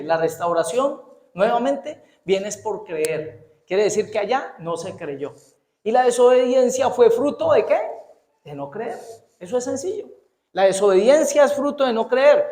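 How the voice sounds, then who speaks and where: A man preaches in a high, bright voice that rings through an echoey church hall. He talks fast, trips over his words now and then, and keeps tossing rhetorical questions to the congregation. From Colombia. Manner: animated, asks the congregation frequent rhetorical questions. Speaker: pastor. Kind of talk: sermon.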